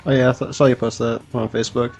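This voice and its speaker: Male co-host, gravelly voice, dry and understated, faint music under. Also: medium pitch, level tone, fast talker. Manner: dry, quietly amused, short replies. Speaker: podcast co-host. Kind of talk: casual podcast chat.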